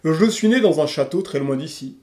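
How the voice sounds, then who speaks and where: A man voicing a huge, kind blue dragon who heals, speaking softly and gently in a storybook reading. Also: on the high side, animated, reverberant, lightly acted. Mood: explaining. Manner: soft and kind, slow chanting spells.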